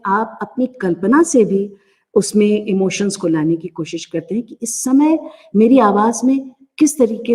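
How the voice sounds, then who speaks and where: Indian accent middle-aged woman lecturing on acting, calm and patient, lots of um's, long echoey hall. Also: mid-range voice, breathy edge. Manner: calm, explanatory, many hesitation fillers. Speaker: acting teacher. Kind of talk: lecture answering student questions.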